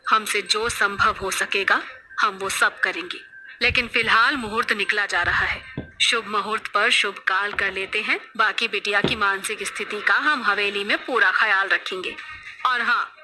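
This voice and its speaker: A woman voicing a composed middle-aged mother-in-law who speaks calmly and formally. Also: fairly high pitch, normal speed, soft background music. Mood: reassuring. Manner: calm, formal and reassuring.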